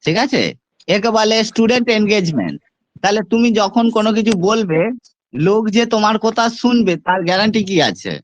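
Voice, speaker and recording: A man with a rather high voice teaches an English class online. He fires questions at his students and moves between Bengali and slow, deliberate English. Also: expressive, dry recording, muffled recording.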